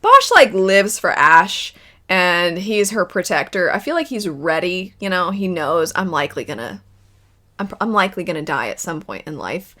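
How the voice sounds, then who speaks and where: Her lowish voice is sing-song and sharp, moving at a moderate pace, as this video host chats casually through a pick-one game on video game characters. She muses aloud, wavering and poking fun at herself.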